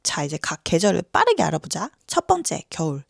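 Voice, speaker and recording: A woman health coach explaining in a casual, chatty way, talking informally to viewers, asking quick check-in questions, and often dropping into whispered asides. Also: lowish voice, huge pitch swings, gravelly, no room sound, studio quality. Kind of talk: casual explainer talk to camera.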